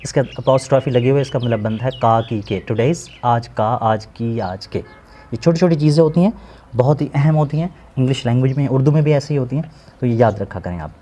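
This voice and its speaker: A man teaching an English lesson, slowly translating word by word and repeating each meaning with synonyms. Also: medium pitch, mellow. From Pakistan. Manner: slow, explanatory, repeats words and gives synonyms.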